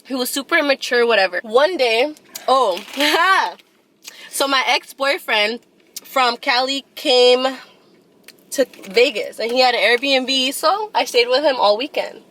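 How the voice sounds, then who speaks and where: A woman's voice: high-pitched, measured pace, fairly bright tone. A woman in her twenties casually telling a long personal story, blunt and profane. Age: 20s.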